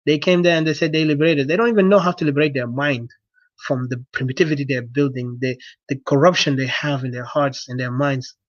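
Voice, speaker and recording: A man from South Sudan, whose first language isn't English, gives supporters an impassioned, earnest address without a script, circling back to the same points. He talks fairly quickly at medium pitch in a steady tone, and the recording is dry and muffled.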